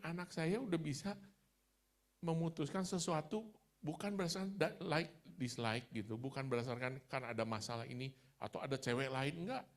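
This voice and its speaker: Middle-aged Indonesian man, chatty preacher, gravelly tone. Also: a little high. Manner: storytelling, chatty, laughs at himself. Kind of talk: conversational sermon.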